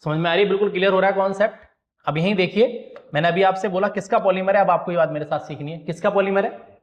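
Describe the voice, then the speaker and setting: A man's voice: sits high, fairly even intonation, fast talker, dull audio. A man teaching a biology class, asking questions and answering them himself, repeating key terms and checking that students follow. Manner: calls students "beta", checks they understood. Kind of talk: classroom lecture at a slide board.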